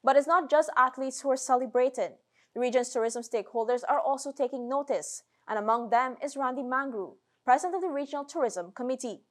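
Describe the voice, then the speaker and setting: A woman with a Guyanese accent reading a scripted news report in a measured newsreader delivery. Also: high-pitched.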